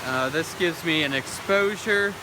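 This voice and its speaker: A man giving a casual vlog commentary outdoors beside a rushing river, thinking aloud as he talks to his camera. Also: a little high. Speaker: vlogger and landscape photographer. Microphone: handheld phone or action camera. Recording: noisy outdoor audio with loud rushing water. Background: rushing river and waterfall noise.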